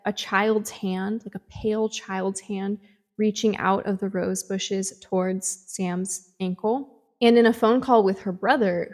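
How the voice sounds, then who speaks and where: A woman giving a casual book review, retelling the plot in an animated way with swings in tempo and lots of fillers. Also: mid-range voice.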